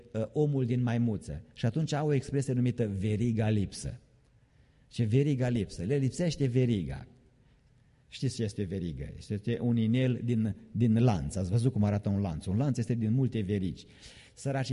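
A man's voice: medium pitch, dark tone. A man preaching an evening sermon in a church, emphatic, repeating key phrases and joking mockingly. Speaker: pastor. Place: church sanctuary. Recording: long reverb of a church hall.

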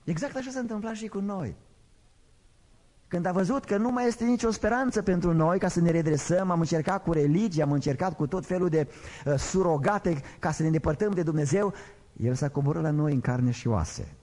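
A man preaching a sermon, swinging between loud emphatic declarations and quiet, low storytelling. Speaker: pastor. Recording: long hall reverb.

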